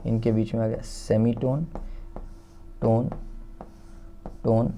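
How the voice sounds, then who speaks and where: Indian man teaching music theory, mellow voice. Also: medium pitch, little pitch movement, slow pace, slight background noise. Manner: thinks aloud, counts out steps one by one, self-corrects. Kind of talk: casual explanatory lesson while writing.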